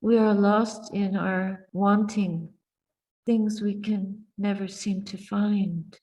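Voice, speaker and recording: A woman giving a Buddhist talk and guided meditation in a soft, calm, deliberate voice, speaking in short contemplative phrases with long pauses. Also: medium pitch, far from the mic. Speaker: Buddhist nun teaching and guiding meditation.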